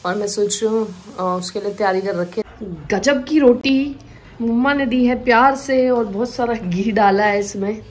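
A woman's voice: mid-range voice, normal speed, a little hiss or hum. A woman in her thirties chatting casually as a family vlogger, mixing in English words. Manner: chatty, switching between Hindi and English. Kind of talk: casual family vlog chat.

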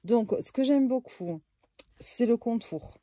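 A woman casually reviewing a tarot deck for her viewers in a room at home, relaxed and chatty, with lots of fillers and small asides. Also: a little high, slow pace, no echo, clean studio sound.

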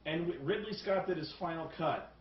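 A man with a slightly high voice hosts a casual film review, firing off profane, animated rants. He sounds distant from the mic in a roomy space. The sound is dull and muffled. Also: normal speed, slight background noise. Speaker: review show host.

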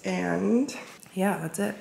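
A woman's voice: medium pitch, slow, gravelly, mellow, reverberant, slight background noise. A young adult woman talking casually to camera as a lifestyle vlogger, chatty and gushing with lots of fillers. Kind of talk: casual vlog talk to camera. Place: apartment rooms.

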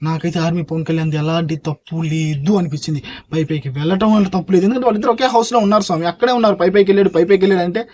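A man with a high, husky voice reviews a reality show at a fast clip. He talks straight to his viewers in an emphatic, casual way and keeps checking that they follow him. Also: a little mellow.

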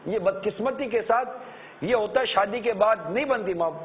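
Male preacher, high voice, animated sermon delivery; thin, phone-like sound. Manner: animated, acts out shouting parents, earnest pleading. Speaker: religious preacher. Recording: tinny narrow-band lecture recording.

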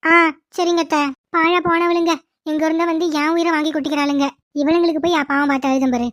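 A woman doing a whiny, high young daughter-in-law. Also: flat delivery, fast. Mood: grumbling. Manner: whiny, grumbling under breath. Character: put-upon young wife, grumbling daughter-in-law. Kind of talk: cartoon voice acting.

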